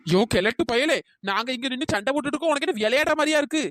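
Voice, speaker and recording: Quick-tongued, high-pitched, fiery cartoon village woman, woman voice actor. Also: no room sound, clean studio sound. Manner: loud, abusive, argumentative. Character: hot-tempered quarrelsome village woman. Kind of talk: cartoon voice acting.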